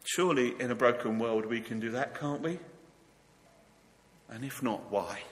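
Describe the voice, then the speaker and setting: A man preaching a sermon at a pulpit microphone in a church. He talks earnestly and drops to a hush on key words. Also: mid-range voice, normal speed. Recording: long church hall reverb.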